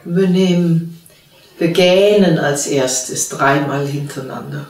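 Female meditation teacher, unhurried and soothing delivery, distant mic, echoey room. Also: low-pitched. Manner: slow, calm spoken instructions with long pauses. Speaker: spiritual teacher leading a meditation. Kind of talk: guided meditation. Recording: roomy sound from a distant mic.

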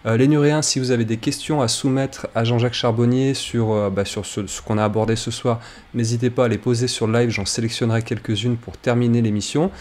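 A French man hosts a live web show at a middle pitch. He keeps a friendly, chatty tone as he reads out viewer comments and brings the guest back to the topic. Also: fairly even intonation, a little fast, a little mellow. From France. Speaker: host.

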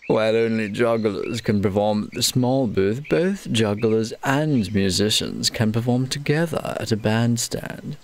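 A man's voice: fairly low pitch, measured pace, few pauses. A man playing a city-building game, reading its text aloud and muttering building names twice over as he plays. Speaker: let's play gamer. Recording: game music under the voice. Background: game music.

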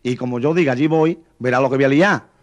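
A man voicing a desperate young boyfriend in a joke, in a lower, rougher voice. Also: quick pace, close to an everyday voice. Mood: urgent.

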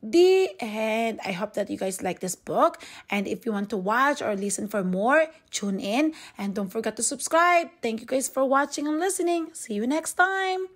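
A storybook reader who hosts a channel narrates a children's book aloud, expressive and deliberate in her storytelling, with a fairly high-pitched voice.

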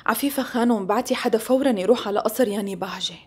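A woman with a Syrian Arabic accent dubbing a scheming, smooth-talking sultan's wife, coaxing and polite with a pointed edge. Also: a little high, rapid-fire. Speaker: dub actress. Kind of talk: dubbed TV period drama.

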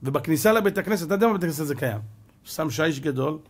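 A man, a rabbi, giving a sermon as an animated storyteller who drops to a hush for suspense. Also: a little high, slightly rough.

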